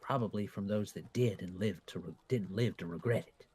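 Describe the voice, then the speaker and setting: Gossipy village schoolmarm, played by a man, husky and low, hushed folksy tabletop game storytelling. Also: fairly quick. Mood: ominous, folksy. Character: small-town schoolmarm, gossipy woman of learning, spooky rumor teller.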